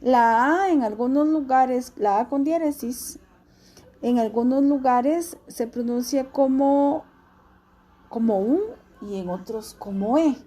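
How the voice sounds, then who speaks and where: Patient teacher, high and mellow. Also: female voice. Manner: patient, repeats each form slowly for students. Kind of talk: classroom language lesson.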